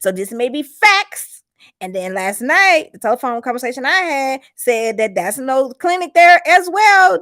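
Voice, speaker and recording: Animated woman gossip host. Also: fairly high pitch. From Mississippi. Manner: animated, laughs often, drawls and talks to viewers. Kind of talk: casual gossip livestream.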